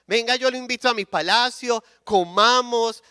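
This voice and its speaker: Preacher doing a thankful king, high eager pleading, bright crisp voice. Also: moderate pace, dry recording, clean studio sound. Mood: eager, grateful. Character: grateful king pleading with a prophet.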